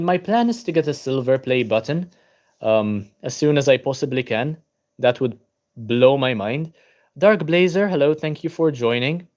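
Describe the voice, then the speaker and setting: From his laptop at home, a tired young man from Malta hosts a casual book channel livestream, reading out viewer comments and replying. A native Maltese speaker with a mid-range voice, he stays relaxed, uses lots of ums, and greets viewers by name.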